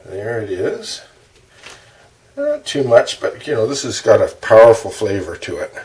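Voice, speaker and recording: A man hosting a low-budget cooking show, talking through each step of a recipe in a relaxed, chatty way while he cooks in his kitchen. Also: unhurried. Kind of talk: casual cooking demonstration. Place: home kitchen. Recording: distant mic with kitchen noise.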